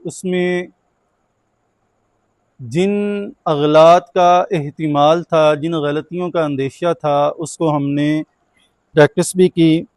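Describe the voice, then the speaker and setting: A man teaches Quran recitation in an online class, firmly correcting students and drawing out recited words slowly. His voice sits high and sounds a little mellow, with no echo.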